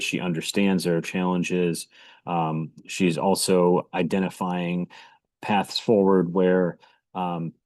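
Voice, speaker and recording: Male commentator, low-pitched and measured, pausing often as he explains, recorded dry and close. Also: darkish tone, no echo. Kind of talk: informal explanatory commentary on a report.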